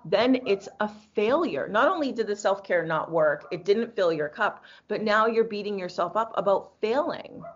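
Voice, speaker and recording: A woman's voice: medium pitch, muffled recording. A woman co-hosting as an energy healer, chatting casually and emphatically, often answering her own questions. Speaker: podcast co-host and energy healer. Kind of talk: casual conversational advice.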